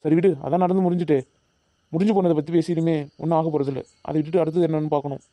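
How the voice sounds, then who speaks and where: A man's voice: a little high, steady tone, very fast, dark tone, dry recording, lightly acted. A man voicing a worried, earnest young college student in a cartoon, reassuring and pleading with his friends. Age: young adult. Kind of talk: animated cartoon dubbing.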